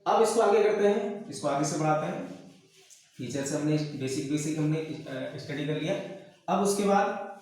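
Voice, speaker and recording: A man's voice: a little high, normal speed, a little mellow. A man teaching a commerce lesson, repeating key terms and checking in with "okay" and "right" after each point. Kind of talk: classroom lecture. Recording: very echoey room.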